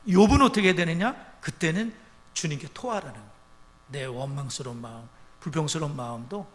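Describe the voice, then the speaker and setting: A male pastor preaching a sermon in a church, with emphatic loud rises and quiet drops. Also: a little high, expressive, fairly quick. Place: church sanctuary. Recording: church sanctuary with long reverb.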